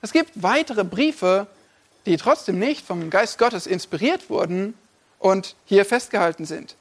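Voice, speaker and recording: Male pastor, sermon, high voice, emphatic, direct address, repetitive lists. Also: lively intonation, a little slow. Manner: builds repeated lists.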